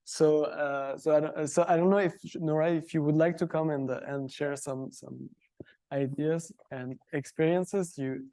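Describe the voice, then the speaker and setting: A man's voice: fairly high pitch, fairly even intonation, a little slow, warm tone, no echo. A man moderating a panel talk, polite and hesitant with fillers. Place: gallery event room.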